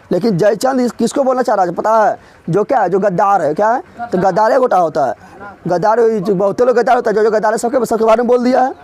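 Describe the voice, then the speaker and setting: A man's voice: high voice, darkish tone. A man teaching an exam-prep grammar lesson, drilling students with repeated questions and teasing them. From Bihar.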